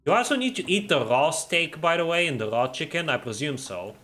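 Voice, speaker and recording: Over soft background music, a man with a slightly high voice speaks briskly during a game stream. He keeps the chat casual and easygoing, answering viewers while playing, and his R sounds come from the throat.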